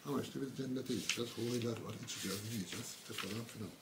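A man's voice: mid-range voice, racing, vocal fry, very noisy. A man giving a casual political commentary monologue, mocking and sarcastic, talking straight to his viewers with emphatic lists.

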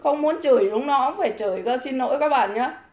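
A woman's voice: high-pitched, animated, quick pace, darkish tone, dull audio. A woman hosting a livestream, ranting combatively and hurling insults and taunts at her critics. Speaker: livestream host. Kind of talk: profane livestream rant. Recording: echoey room.

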